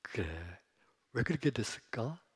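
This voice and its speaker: A pastor voicing a gentle father who tenderly reassures his dying daughter in a soft, hushed voice. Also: mid-range voice, sing-song, measured pace, husky, exaggerated voice.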